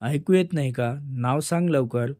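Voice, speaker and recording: A man voicing an arrogant, bullying male police inspector who mocks and shouts threats in a storytelling reading. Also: mid-range voice, a little slow, dry recording, clean studio sound, lightly acted. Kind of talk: Marathi story narration.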